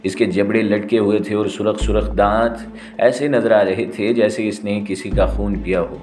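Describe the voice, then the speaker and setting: A man reading a first-person thriller novel aloud with steady, dramatic storytelling. His voice sits low, and faint instrumental music plays softly underneath the narration.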